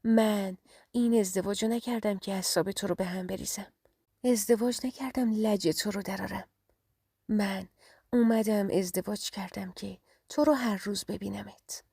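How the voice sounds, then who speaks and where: A woman's voice: medium pitch, fairly even intonation, creaky, mellow, slightly rough, no echo, clean studio sound. A woman voicing a lovesick young man, a former sweetheart, who speaks tenderly and pleadingly in an audio story.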